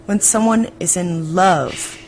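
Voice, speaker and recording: A woman reading a translation voice-over of a spiritual talk, explaining in a measured way. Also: fairly low pitch, crowd noise.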